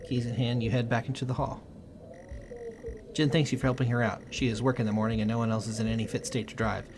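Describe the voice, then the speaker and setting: A man hosting a let's play, reading game text aloud with a quick, lightly dramatic delivery. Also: medium pitch, flat delivery, background noise.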